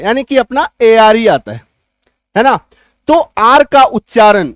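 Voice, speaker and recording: A man teaching an English spelling lesson, explaining step by step, spelling words out slowly and loudly, and often asking whether the class is following. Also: very high voice, no echo, clean studio sound. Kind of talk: spoken language lesson.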